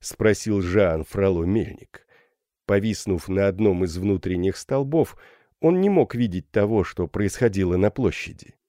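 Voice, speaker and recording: Male audiobook narrator, animated and fairly high, dry close sound. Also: measured pace, no room sound. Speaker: audiobook reader. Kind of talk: scripted narration.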